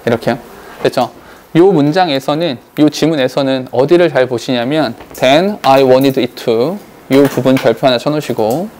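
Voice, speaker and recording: A man's voice: mid-range voice, darkish tone. Man teaching English grammar. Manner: checks in constantly with rhetorical questions; reads English lines slowly and deliberately.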